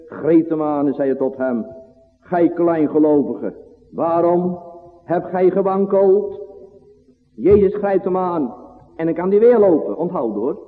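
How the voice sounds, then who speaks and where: A man preaching a sermon, his delivery swinging from loud to hushed in an old-fashioned cadence. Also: on the high side. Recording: phone-like line in a long-reverb church.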